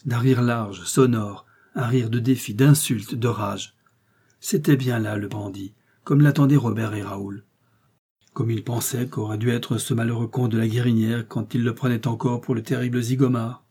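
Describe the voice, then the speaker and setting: Male audiobook narrator, measured, mellow and dark, somewhat husky. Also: medium pitch, steady tone. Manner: measured storytelling. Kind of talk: literary narration.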